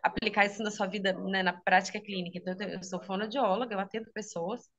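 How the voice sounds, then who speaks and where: On a video call for a casual interview, a speech therapist and health teacher from Minas Gerais describes what she does, in a Brazilian Portuguese accent. She talks fast with a medium-pitched, somewhat bright voice and fairly even intonation, often adding "né?" and laughing easily.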